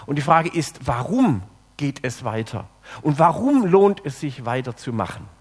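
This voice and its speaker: A man preaching a sermon, swinging between loud emphatic lines and soft, low, hushed phrases. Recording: long hall reverb.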